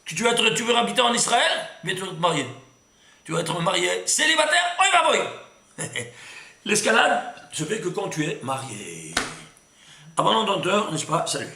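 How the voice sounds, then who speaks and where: A man teaching a Torah class to a room of listeners, lively and emphatic, often stopping to ask whether everyone follows. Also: high-pitched, normal speed, vocal fry, roomy sound, slight background noise. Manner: lively and emphatic, full of restarts, asks "C'est clair?" often. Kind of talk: animated Torah lesson.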